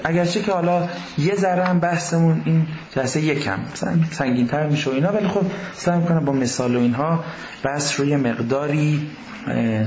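A man lectures a university class with a lively, questioning manner, his voice sitting a little high. The sound is roomy and echoey, and slightly dull, with faint noise behind it.

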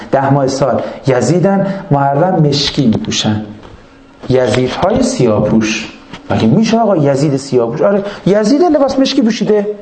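A man's voice: mid-range voice, dark tone. A man giving a sermon, dramatically acting out both sides of imagined exchanges with his listeners. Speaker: preacher. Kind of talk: religious sermon with acted dialogues. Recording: echoey room.

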